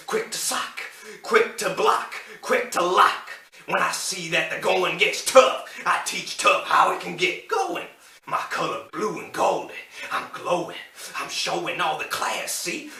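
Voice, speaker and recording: A cocky cartoon robot brawler impression, half scorpion and half snake, done by a man. He swaggers through rhymes with a creaky, sharp edge. The mic sounds a little way off. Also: high-pitched, exaggerated voice. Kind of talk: theatrical character poem recital. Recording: roomy echo, distant mic.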